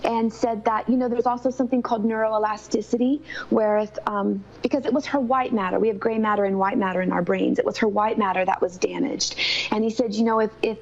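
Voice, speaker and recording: A woman's voice: fairly high pitch, fairly even intonation, fairly quick, darkish tone. A woman telling a personal story of faith in an earnest, conversational way. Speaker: mother telling her daughter's illness story. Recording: slightly dull, lo-fi sound.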